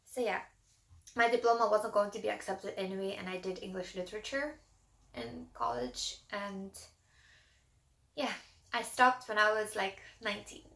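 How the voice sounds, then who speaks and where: A woman's voice: medium pitch, steady tone, normal speed, creaky, pauses often, a bit bright. A woman in her twenties talking frankly and casually to camera as a vlogger, filling her speech with "like" and "you know.". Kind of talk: casual personal talk to camera. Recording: echoey room.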